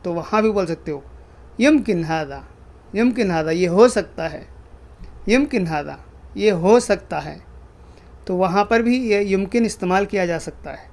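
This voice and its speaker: A man teaching a spoken language lesson, saying each phrase slowly and repeating it before he explains it. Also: high voice, darkish tone.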